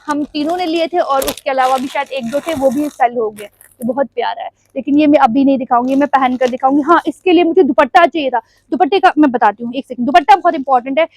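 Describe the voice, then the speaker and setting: High-voiced chatty young woman vlogger. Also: darkish tone, no room sound, low-quality recording. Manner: rambling, confiding, laughs often. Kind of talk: casual chatty vlog. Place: at home, standing before the camera.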